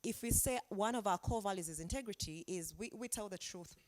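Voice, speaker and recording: A woman's voice: medium pitch, fairly quick, darkish tone, dry recording. A woman from Uganda, an anthropologist speaking as a guest on a webinar panel, explaining her points reflectively with examples over a video call. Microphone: video call mic.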